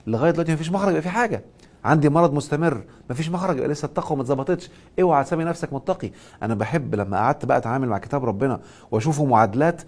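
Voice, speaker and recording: Answering viewer questions during a live stream, a medium-pitched man with an Egyptian Arabic accent delivers a motivational, religious talk. He hammers points home loudly before dropping into soft side remarks.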